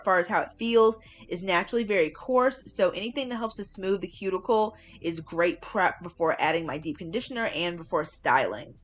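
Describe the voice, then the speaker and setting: A woman giving a casual, chatty tutorial voiceover in an informal way, leaning on words for emphasis. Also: lowish voice. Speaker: hair care vlogger.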